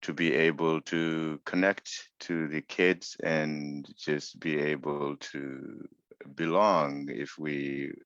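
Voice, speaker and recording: A man from Mauritania in West Africa speaks earnestly as a panelist in an online panel discussion, searching for his words. He has a bass voice with a fairly bright tone and speaks slowly and evenly. The video call audio is muffled, with no room sound.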